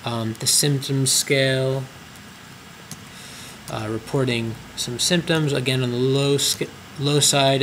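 This clinic trainer has a mid-range, slightly bright voice, and the low-quality recording carries a little background noise. In his screen-recorded software tutorial he goes step by step through clinic tracking forms, saying um and uh often.

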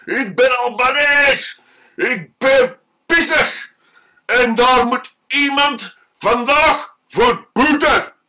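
A man voicing an angry drunk man who yells and swears over and over. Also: extremely high pitch, very slow, pitched above the performer's own voice, heavily acted, low-quality recording. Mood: angry shouting. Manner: yelling, swearing, repeating himself. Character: furious drunk man locked out, shouting.

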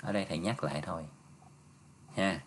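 Low-voiced male teacher. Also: fairly quick, a little hiss or hum. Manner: patient, explains step by step, ends phrases with "ha" and "nha". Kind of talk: exam review lesson.

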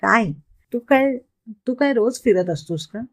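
A woman voicing a playful young woman who teases her friend in lively story dialogue. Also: on the high side, unhurried. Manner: lively, teasing banter.

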